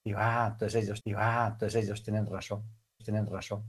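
A man's voice: lowish voice, flat delivery, normal speed, a little hiss or hum. A man telling a story as a preacher, repeating each phrase with sudden emphatic bursts. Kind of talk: storytelling sermon.

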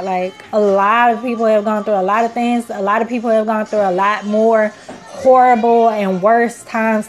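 A woman in her twenties hosting a casual self-help podcast, talking in an earnest, encouraging, rambling way full of "you know" and "like". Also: medium pitch. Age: 20s. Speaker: podcast host.

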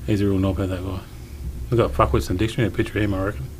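A man's voice: sits low, level tone, rapid-fire, a little mellow, a little hiss or hum, rough recording. A man in his forties with an Australian accent, telling blunt, sweary stories in casual podcast chat. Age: 40s. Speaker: guest cricketer.

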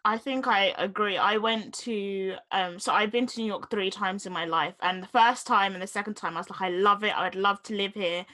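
Bright young British woman interviewer. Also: medium pitch, fairly quick, hardly any pauses. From London, England. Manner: chatty, storytelling with quoted inner thoughts. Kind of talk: casual interview chat.

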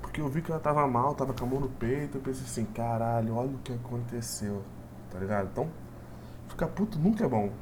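A man's voice: mid-range voice, expressive, very fast, noisy background. A man, telling a personal story in a casual, rambling way full of fillers. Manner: rambling, repetitive, full of "tipo assim" fillers.

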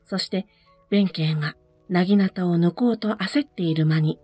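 A woman reading a folk tale aloud in a calm, measured storytelling manner. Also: lowish voice, slightly rough, no room sound, soft background music. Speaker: narrator.

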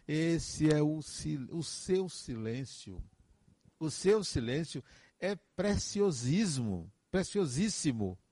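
Male counselor, emphatic advice-giver, expressive pitch, dry recording. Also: slow pace, dry recording. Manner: earnest, advice-giving, emphatic repetitions. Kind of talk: reflective motivational monologue.

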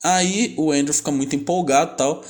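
A young man with a Brazilian accent casually retelling a film's plot, chatty and slangy, tagging nearly every phrase with a quick question. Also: on the high side, fairly even intonation, darkish tone. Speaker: film recapper.

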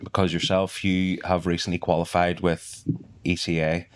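A man's voice: deep voice, little pitch movement, normal speed, a little hiss or hum. A Northern Irish man hosting a casual podcast chat with sweary, bantering talk. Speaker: podcast host.

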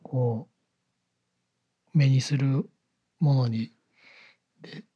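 A man's voice: medium pitch, steady tone, drawn-out words, warm tone, slightly rough, lo-fi sound. A man from the Kyoto area with a Kyoto-style Kansai accent, chatting casually as a co-host. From Kyoto area, Japan. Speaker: podcast co-host. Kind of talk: casual chat.

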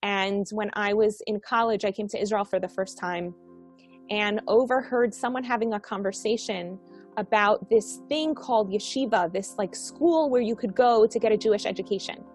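A woman's voice: mid-range voice, moderate pace, darkish tone, faint music behind. Upbeat woman author from Colombia. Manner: upbeat, enthusiastic. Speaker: author and guest. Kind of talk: casual interview talk.

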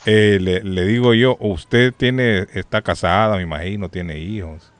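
Low-voiced joking radio host. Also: male voice, unhurried, dry recording. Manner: joking, teasing. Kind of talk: casual radio banter. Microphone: studio mic.

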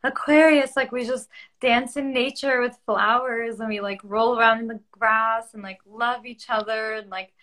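A woman's voice: fairly high pitch, fairly even intonation, normal speed, fairly bright tone. Giggly woman guest saying "like" a lot. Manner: laughing often, many "like"s. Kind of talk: casual spiritual conversation.

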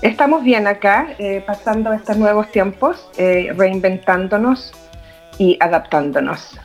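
A psychologist interviewed remotely, speaking hesitantly with many "eh" fillers. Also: female voice, mid-range voice, expressive, measured pace, soft background music. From Chile. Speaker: psychologist guest. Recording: dull lo-fi call line.

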